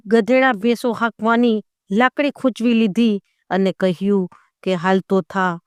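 A woman narrating a folk tale, reading all the characters' dialogue with lively emphasis. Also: medium pitch, clear, resonant tone, no echo, studio quality. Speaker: storyteller.

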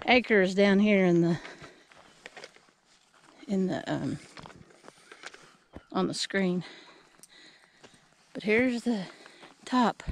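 A middle-aged woman vlogs casually on a hike, taking her time between short phrases. She sounds winded from the climb. Her handheld camera picks up clear outdoor noise behind an ordinary mid-pitched voice. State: out of breath from climbing. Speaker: vlogger. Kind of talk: casual hiking vlog, talking to camera. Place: outdoors on a wooded hillside trail. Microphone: handheld camera at arm's length.

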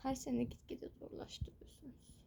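A young adult woman whispers a casual, exasperated vlog rant from her bedroom at home, complaining about exam study. Her tone is dark and she speaks a little slowly. The audio quality is poor.

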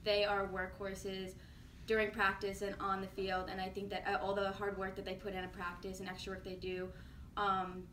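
A woman's voice: mid-range voice, monotone, moderate pace, fairly bright tone. A young woman college athlete answering press questions casually, with likes and ums. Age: young adult. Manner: casual, says like and um. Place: office-like room, indoors. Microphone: far camera. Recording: echoey room, far mic, noise.

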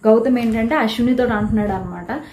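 A woman giving a casual, animated recap of a reality show episode, telling who quarreled with whom. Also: on the high side, quick pace, a little hiss or hum. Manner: chatty, animated retelling of quarrels. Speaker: show reviewer. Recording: echoey room.

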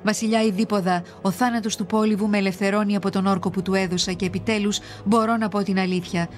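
An earnest male royal messenger from an animated myth retelling, voiced by a woman narrator, who delivers grave news in a measured, solemn tone. The voice sits at a middle pitch, and faint music plays underneath. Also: close to an everyday voice.

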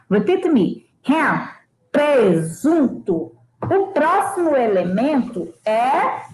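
A woman from Brazil, an English teacher in a live online lesson for children, slowly repeating words for them to copy and calling herself auntie. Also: fairly high pitch, darkish tone, echoey room, a little hiss or hum, poor audio. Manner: slow, drawn-out repetition of words for children to copy; calls herself auntie and reads out viewers' names. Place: home kitchen.

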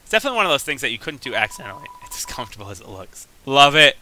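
A man giving excitable, chatty gameplay commentary, reacting aloud as he plays. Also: mid-range voice, racing, low-quality recording. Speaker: let's play gamer.

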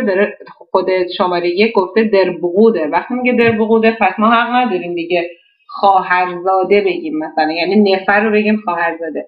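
Woman teacher going through a german exercise step by step, asks herself questions then answers, kinda muffled, echoey room. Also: medium pitch. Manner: explains step by step, often asks and answers her own questions. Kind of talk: explaining a language exercise.

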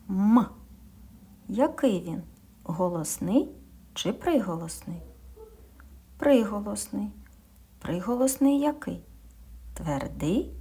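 Woman, kindergarten teacher; slow, patient, slightly husky, quizzes the children and answers herself. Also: mid-range voice, a little mellow. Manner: slow, patient, asking and answering her own questions, drops into whispers. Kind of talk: speech lesson for young children.

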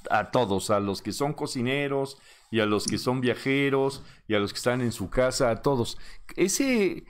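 An older man, a magazine director, interviewing a guest over a video call, asking long rambling questions with loud laughs. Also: mid-range voice, animated, moderate pace, clean tone.

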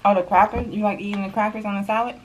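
A middle-aged woman co-hosts a casual eating video and quizzes her companion with her mouth full of salad. Her voice sits at an ordinary middle pitch, muffled by the food. A faint noise hangs under the recording. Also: fairly even intonation, rapid-fire. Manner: prompting, questioning interviewer tone. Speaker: mother co-hosting a family eating video. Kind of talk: casual eating-show chat.

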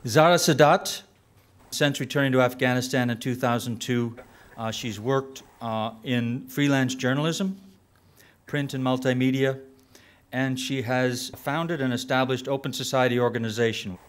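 A man's voice: medium pitch, steady tone, normal speed, smooth. Middle-aged man moderating from a podium. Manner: speaks with frequent uh fillers. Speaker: briefing moderator. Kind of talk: formal introductions. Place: conference room at a podium. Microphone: podium microphone.

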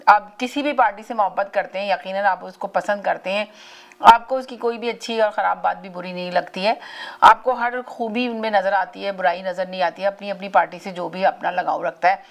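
Talk show host woman with lilt. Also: medium pitch. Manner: repeats and restarts phrases while urging callers to speak politely. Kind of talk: live call-in talk show.

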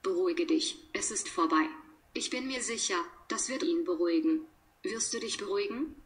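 Woman slowly reading example sentences. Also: medium pitch, lively intonation, fairly bright tone. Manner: measured, deliberate, pausing between sentences. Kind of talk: slow read-aloud of example sentences.

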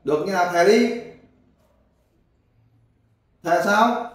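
Male interviewer, loud and scolding, slightly high voice, echoey room, mic at a distance. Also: slow pace. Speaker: volunteer group interviewer.

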